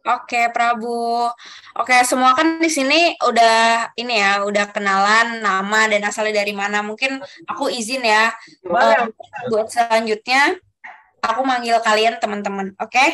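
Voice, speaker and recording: Leading an online group discussion by video call, a young adult facilitator reads the rules aloud one at a time in a polite, unhurried way with soft fillers. Her voice is on the high side, with fairly even intonation.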